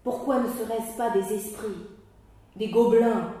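A man's voice: sits high, fairly even intonation, unhurried, dark tone. Woman reading as a solemn superstitious schoolmaster. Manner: imposing, grave. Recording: echoey room, mic far off.

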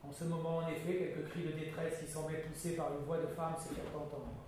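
A man's voice: on the high side, level tone, fast talker, background noise. A man giving a theatrical dramatic reading of a historical novel, in an echoey distant room. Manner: theatrical storytelling.

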